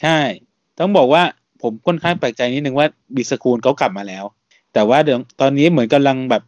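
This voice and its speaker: A man hosting a casual podcast, talking in a relaxed, chatty way and laughing often. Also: medium pitch, quick pace, no room sound, dull audio. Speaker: podcast host.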